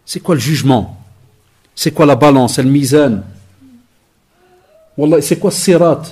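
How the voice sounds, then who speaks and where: A man giving a lecture to young people, telling lively stories with acted-out dialogue and Arabic phrases mixed in. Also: a little high, a little slow, husky. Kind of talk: conference talk to young people.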